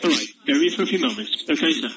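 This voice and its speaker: Male support agent, brisk and formal, fast, echoey distant phone line, loud noise. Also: a little high, animated.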